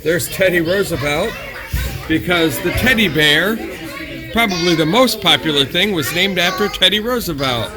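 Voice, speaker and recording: A crowd can be heard along with background music as a travel channel host casually narrates animal sightings with awed exclamations. He speaks expressively at a moderate pace in a medium pitch.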